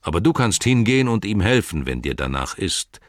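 A man voicing a blunt, hearty older farmer eager for a fight, speaking loudly in a raised voice. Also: deep voice, big pitch swings, fairly quick, no echo, studio quality.

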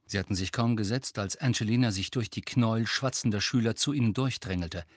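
A man narrating an audiobook in a calm, even storytelling manner. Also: lowish voice, a little fast, no echo, clean studio sound.

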